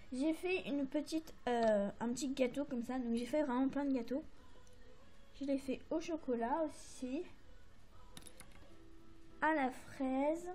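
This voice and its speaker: High-voiced French woman chatting about crafts. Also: a little mellow. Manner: chatty, hesitant, many fillers and apologies. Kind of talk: casual show-and-tell to camera.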